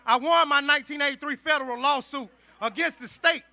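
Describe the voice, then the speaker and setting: Very high, gravelly man at a rally. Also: fairly quick, pushed and bright, no room sound. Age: middle-aged. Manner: emphatic, declarative, preaching-like. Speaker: activist and motivational speaker. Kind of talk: rally speech, personal testimony.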